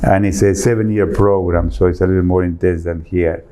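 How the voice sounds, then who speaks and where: A man's voice: deep voice, steady tone, a little fast, mellow. A man from Argentina with an Argentine accent, an architect answering interview questions earnestly, often rephrasing as he searches for words. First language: Spanish. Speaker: architect guest.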